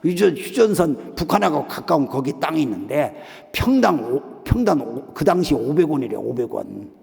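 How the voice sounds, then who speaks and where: Lively gravelly male preacher. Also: fairly high pitch, moderate pace. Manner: animated storytelling that acts out quoted voices. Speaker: missionary preacher. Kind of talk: revival meeting sermon with a story. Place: church sanctuary. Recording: long hall reverb of a church sanctuary.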